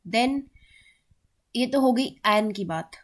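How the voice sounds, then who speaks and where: Indian teacher, slightly high voice. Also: female voice, animated. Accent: Indian English. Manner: mixes Hindi and English, checks in with "ठीक है", slows down to read examples aloud. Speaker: English teacher. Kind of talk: explaining grammar in a classroom-style lesson.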